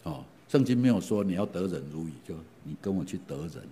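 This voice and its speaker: A middle-aged man preaching a sermon, retelling stories in an animated way and often asking his listeners questions. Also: low voice, quick pace, a little hiss or hum. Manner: animated, asks the congregation questions, frequent fillers. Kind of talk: sermon storytelling.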